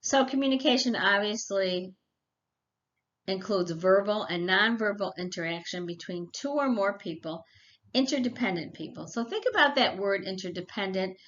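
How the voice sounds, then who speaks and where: A woman's voice: mid-range voice, expressive, moderate pace, fairly bright tone, highs cut off. A middle-aged woman giving a recorded college lecture in a chatty, practical way, with personal stories and asides. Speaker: college instructor.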